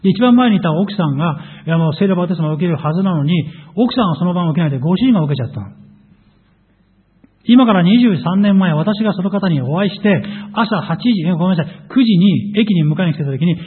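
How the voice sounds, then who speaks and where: A man preaching as a pastor, telling his testimony in an animated storytelling way. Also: high-pitched, fast talker, breathy edge. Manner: animated storytelling, voices quoted people. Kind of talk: sermon testimony. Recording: tinny phone-like audio.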